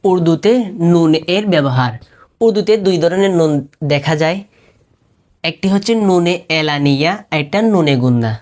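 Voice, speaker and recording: This step-by-step Urdu lesson comes from a woman with a steady, low voice. She patiently repeats every term slowly, checking again and again that it makes sense.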